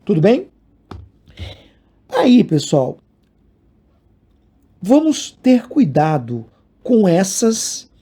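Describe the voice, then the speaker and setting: A man's voice: sits high, warm tone, slightly rough. A man teaching grammar in a casual video lesson, explaining with examples and asking the viewer questions.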